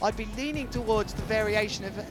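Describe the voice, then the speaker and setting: A male co-commentator with a high voice is enthusiastic but breaks the tricks down analytically. Loud music plays beneath his commentary. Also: fast. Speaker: co-commentator and presenter. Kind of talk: live sports commentary.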